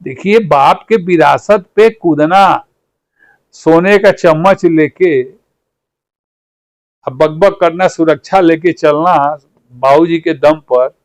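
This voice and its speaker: Bhojpuri accent guy, kinda high voice, fiery rhetorical politician, dead dry sound. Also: slow, pauses often, no echo, low-quality recording. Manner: fiery and rhetorical, repeating phrases for emphasis. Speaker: party leader. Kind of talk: combative political interview.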